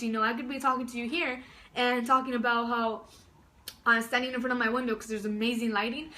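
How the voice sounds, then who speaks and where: With a slightly high, sharp voice, a Mexican-born woman raised in Southern California, in her early twenties, talks casually to camera from indoors at home. The vlogger is enthusiastic and rambling, with many fillers and restarts.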